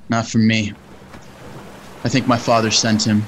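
A man playing a tough, stoic gunman in an audio drama, terse and deadpan. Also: mid-range voice, slight background noise, lightly acted.

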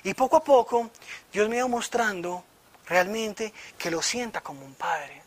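A man's voice: high voice, a little slow. A man giving an informal sermon in a meeting room, telling his own faith story and acting out voices. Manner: animated storyteller who acts out voices. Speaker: church teacher leading a retreat session. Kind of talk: informal sermon with personal stories. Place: indoor meeting room with slides.

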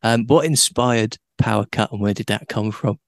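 A man hosting an interview, enthusiastic and quick to laugh along and praise his guest. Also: fairly low pitch, creaky, no room sound. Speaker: podcast host. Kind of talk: casual interview chat.

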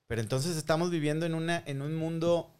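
A man co-hosts a relaxed conversation. His voice sits a little high for a man, and he steers the talk with questions while mostly nodding along in brief replies. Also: fairly quick, smooth. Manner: asks questions and gives short agreeing replies. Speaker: podcast co-host. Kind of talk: casual chat.

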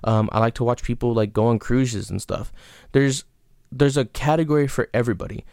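A man's voice: medium pitch, fairly even intonation, brisk, vocal fry, a little mellow, dry recording, studio quality. A man hosting his own podcast, giving frank, rambling advice with lots of fillers and restarts. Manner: frank, casual swearing. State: has the hiccups. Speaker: podcast host. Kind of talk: casual solo podcast advice.

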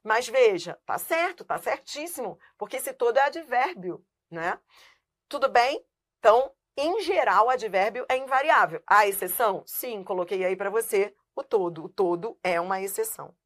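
A woman leads a live online grammar lesson at a medium pitch. She explains each point as she writes on a board, pointing things out to the viewer. She poses questions, answers them herself, and keeps asking whether the student is following. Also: lively intonation, moderate pace. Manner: keeps checking in with the viewer and says "look" while writing on a board. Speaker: Portuguese teacher.

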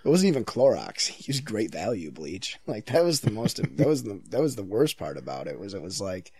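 A young man in casual chat, telling a made-up story in a deadpan, mumbly way that trails off. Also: fairly low pitch, a little fast, husky, dry recording.

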